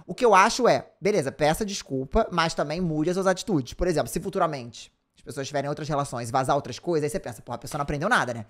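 A man's voice: on the high side, fast, few pauses, a bit bright. A man with a Brazilian Portuguese accent giving casual, chatty commentary to his viewers as a reaction host.

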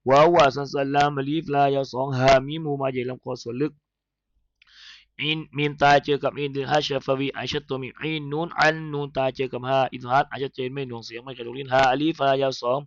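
A man teaching Quran recitation. He spells verses letter by letter in a chanted tone, then explains how each sound is made, slowly and politely. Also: medium pitch, gravelly, no echo, muffled recording.

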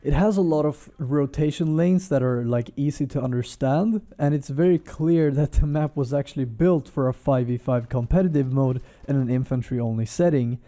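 A man with a deeply dark, mellow voice gives a calm, measured breakdown of game maps. He sounds tired, talking late at night in a hotel room, at a middle pitch. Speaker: gaming content creator. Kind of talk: game commentary voice-over.

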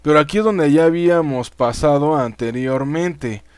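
A Mexican man giving laid-back let's-play commentary, thinking aloud as he plays and cursing casually at the game. His voice sits a little high, and the recording is dry and close with no room sound. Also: moderate pace, smooth, dry recording. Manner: chatty, swears freely, talks straight to viewers. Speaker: gaming YouTuber.

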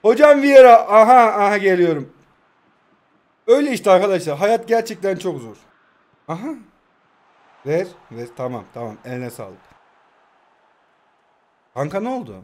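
A young man in his 20s with a voice that sits high speaks at normal speed, pausing often, as he commentates on a mobile football game. His excited play-by-play is full of jokes, with teasing aimed at himself and his viewers.

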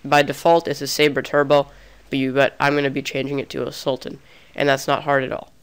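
A fairly quick young male talker with a mid-range, clean voice and little pitch movement. He's casually chatting his way through a gaming tutorial captured on screen, restarting often, and sounds a bit ill with a slightly off voice.

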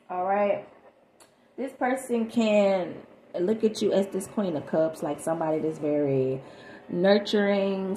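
A woman giving a chatty, animated tarot reading to her viewers. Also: on the low side. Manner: animated, chatty, sings snatches of songs. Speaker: tarot reader. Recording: echoey room, faint background noise.

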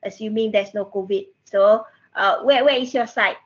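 A woman's voice: mid-range voice, moderate pace. A middle-aged woman with a Malaysian accent tutoring online in casual Manglish, code-switching with particles like lah and kan and repeating her phrases. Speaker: university lecturer. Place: indoor room with bookshelves, video call. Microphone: headset. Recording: muffled, band-limited video call audio.

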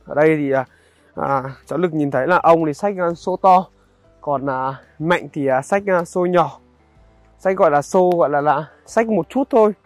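A young man narrates an outdoor village vlog, his voice sitting a little high and sounding close and dry. He talks in a halting, conversational way straight to his viewers, with faint music underneath. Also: no room sound. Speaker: vlogger. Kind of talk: casual on-location narration to viewers.

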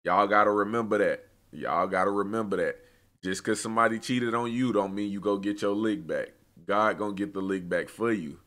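His voice is lowish, bright, and a touch fast. He's a young American reaction video host whose commentary comes across as casual, slangy, opinionated, and chatty.

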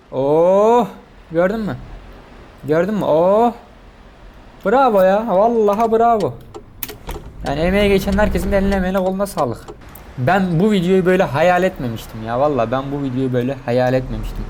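Excitable man commenting on gameplay. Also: on the high side, a little hiss or hum. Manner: excitable, exclaiming and repeating words. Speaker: gaming streamer. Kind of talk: live game commentary.

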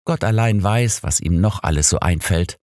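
A man voicing a brisk, motherly housekeeper who scolds two quarreling old men. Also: low-pitched, a little mellow, dry recording, clean studio sound, voice pushed up, natural voice. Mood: bossy. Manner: bossy, firm.

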